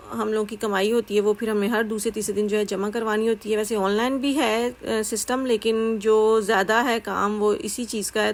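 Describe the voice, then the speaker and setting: A woman's voice: fairly high pitch, rough recording. A woman chatting casually into her phone while walking outdoors, breathing hard on the climbs. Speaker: vlogger. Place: outdoors in a German village. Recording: faint outdoor background noise.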